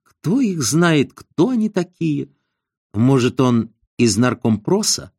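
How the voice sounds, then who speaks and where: A man reading an audiobook, voicing a harried male theatre administrator who snaps and mutters in a hurried way. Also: medium pitch, very animated, a little mellow, slightly rough, no echo, clean studio sound, heavily acted. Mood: muttering.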